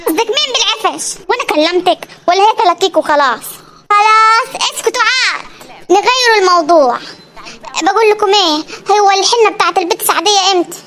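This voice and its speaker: High fast-talking woman with Upper Egyptian accent. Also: a little hiss or hum. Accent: Upper Egyptian Arabic. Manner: lively family bickering, exclamatory. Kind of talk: comedy cartoon dialogue.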